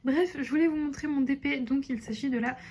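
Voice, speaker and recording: A young woman chatting casually to her viewers from her desk at home, relaxed and full of hesitations. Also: high voice, a little fast, a little hiss or hum. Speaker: vlogger. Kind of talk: casual chat to camera. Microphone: phone camera.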